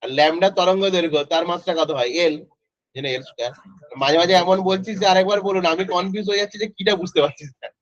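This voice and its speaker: A man's voice: high-pitched, fast, no room sound. Man tutoring physics, dry dull audio. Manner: informal, quizzing students by name. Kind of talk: online class teaching.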